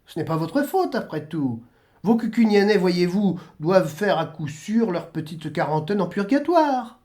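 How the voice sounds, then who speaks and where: A man's voice: high-pitched, sing-song, unhurried, a little mellow. A man reading aloud and voicing a jovial old male saint who keeps heaven's gate, hearty and welcoming.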